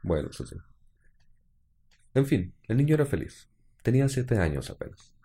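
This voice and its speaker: A man with a Mexican accent co-hosts a casual live stream, joking with his partner, laughing often and using slang before narrating a true-crime case. His medium-pitched voice is husky and dark-toned, swinging widely in pitch at a normal speed.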